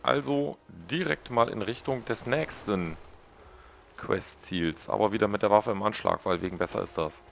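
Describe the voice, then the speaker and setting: A man's voice: on the low side, moderate pace, vocal fry, a little hiss or hum. A man giving casual gameplay commentary as a let's play host, joking and mocking the characters on screen.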